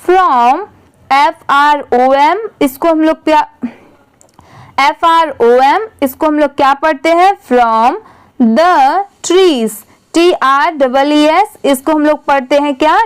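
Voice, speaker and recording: A woman teaching English reading, spelling words out letter by letter and answering her own questions patiently. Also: sits high. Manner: patient, asks questions and answers them herself; reads English sentences very slowly, word by word.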